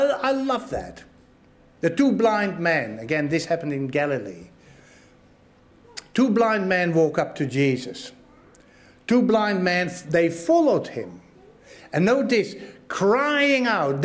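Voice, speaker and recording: Slow-spoken man preaching a sermon. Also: on the high side. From Australia. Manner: earnest, repeats phrases, asks the congregation questions. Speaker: pastor.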